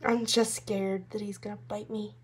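A woman's voice: medium pitch, little pitch movement, normal speed, slightly rough. A young woman chatting casually in a pet vlog from her messy bedroom, a bit out of breath and unwell, rambling with lots of fillers. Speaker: vlogger.

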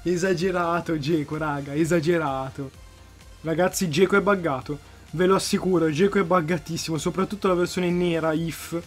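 A young man still in school, commentating his own football video game match at home at night. He talks excitably, repeats phrases and bursts into shouts whenever a goal goes in. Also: a little high, moderate pace, soft background music. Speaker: gaming YouTuber.

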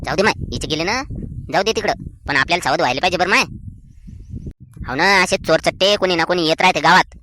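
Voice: medium pitch, fast, pauses often, background noise, lightly acted. An actor voicing a chatty village woman neighbour. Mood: advising. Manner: chatty, scornful gossip. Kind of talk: cartoon voice acting.

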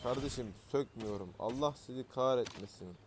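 A man's voice: medium pitch, a little fast, slight background noise. A man hosting casual gameplay commentary, talking in an exasperated, grumbling and slangy way while he plays. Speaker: gaming channel host.

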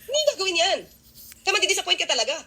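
A woman in a played clip makes a public statement at a very fast clip. Her voice is high, bright and swings widely in pitch as she fires off pointed, accusatory questions. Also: animated, slight background noise.

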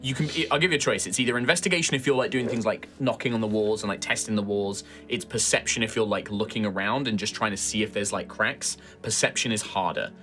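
A man's voice: lowish voice, quick pace, few pauses, pushed and bright, faint music behind. A man improvising narration as game master of a tabletop game, addressing the players conversationally.

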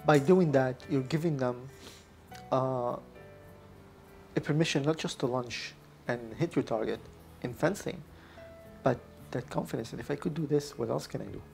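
A middle-aged man, an instructor, speaking reflectively in deliberate, halting phrases into a lapel mic. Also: medium pitch, vocal fry, darkish tone, faint music behind. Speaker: vision rehabilitation instructor. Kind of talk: reflective interview talk and narration. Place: small office.

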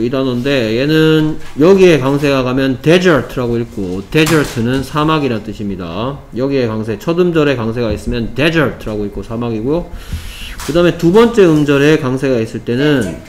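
A man's voice: medium pitch, darkish tone. Male English teacher, patient and repetitive, vocabulary lesson, faint room noise. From South Korea. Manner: explains step by step, repeats words, says "okay" often.

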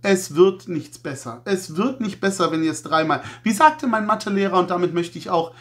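A man's voice: high voice, animated, moderate pace, fairly bright tone. A man hosting a toy review channel, talking casually and reflectively to camera and often hesitating. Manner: hesitant, reflective, many fillers.

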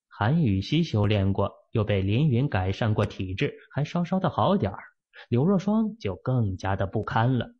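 In a muffled, lo-fi audiobook recording, a fairly low-voiced man with a breathy edge reads a fantasy novel aloud. His storytelling is steady and measured.

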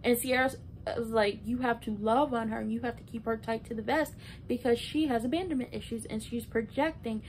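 Her tone steady and her pace brisk, a woman in her early twenties recaps in a casual, opinionated, emphatic vlogger style. The recording comes from a small bedroom indoors, noisy with a low rumble.

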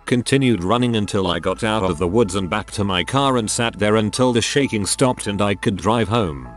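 A man narrating forum stories in a steady scripted reading. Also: on the low side, normal speed, soft background music.

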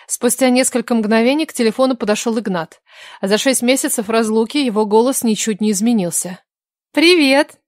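A woman's voice: a little high, fairly quick, darkish tone, no room sound. Woman narrating an audiobook, dry close voice. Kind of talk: scripted narration.

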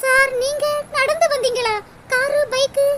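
A tearful, clingy young girl from a cartoon short, pleading in a very high, thin voice. Loud hiss runs under every line. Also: steady tone, measured pace. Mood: earnest. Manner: weepy, pleading. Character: young lovesick village woman, tearful and clingy.

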